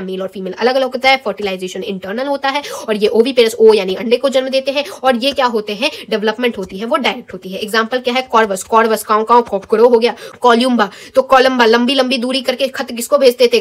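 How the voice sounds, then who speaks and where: A young woman teaching a biology lesson online, quick and jokey, asking rhetorical questions and giving memory tricks. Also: a little high. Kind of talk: online exam-prep lesson.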